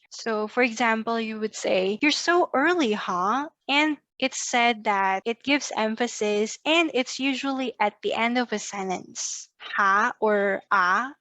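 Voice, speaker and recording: A woman's voice: a little high, bright, forceful tone, no room sound. A woman teaching phrases in a patient lesson, praising learners and having them repeat after her. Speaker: language teacher. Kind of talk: scripted language lesson.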